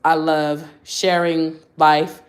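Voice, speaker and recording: A woman's voice: low-pitched, flat delivery, very slow. A woman in her twenties chatting candidly on a livestream, answering viewer questions in a slangy, talkative way. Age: 20s. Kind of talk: casual livestream Q&A.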